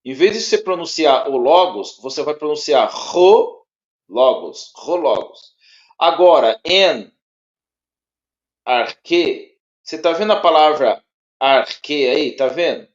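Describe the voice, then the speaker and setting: A man with a Brazilian Portuguese accent gives a one-on-one lesson in a slightly raised voice. He restarts phrases, repeats words and keeps asking whether the listener follows. The recording sounds dull and lo-fi. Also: on the high side. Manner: halting, repeats words, checks in often with tags. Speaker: teacher.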